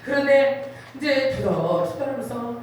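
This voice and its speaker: A middle-aged woman preacher pours out a dramatic personal testimony, her fairly high voice swinging between hushed and soaring. She sounds set back from the mic in a big hall full of echo, with a faint hiss underneath. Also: animated, unhurried. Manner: emotional, dramatic storytelling with sudden rises. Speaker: revival preacher. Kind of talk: sermon testimony. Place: large prayer retreat hall. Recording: very echoey hall, voice from far off.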